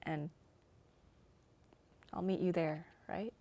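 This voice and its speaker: A woman playing a tender, hushed young woman. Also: lowish voice, fairly even intonation, slow pace. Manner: soft, tender, often hushed. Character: Claire, young woman facing her end. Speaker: actor. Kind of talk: staged radio-style drama reading.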